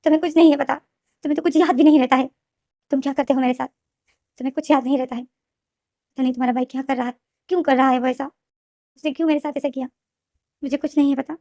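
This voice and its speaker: A woman's voice: high-pitched, fairly even intonation, fast talker, pauses often, dark tone, dry recording, clean studio sound. A woman voicing a hurt, tearful young man in a storybook retelling, speaking in pleading, self-blaming outbursts.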